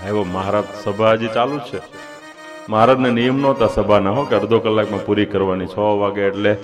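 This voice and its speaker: A man preaching a sermon, telling a devotional story dramatically and voicing the people in it. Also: on the low side. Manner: dramatic, voices characters in the story. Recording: clear music behind.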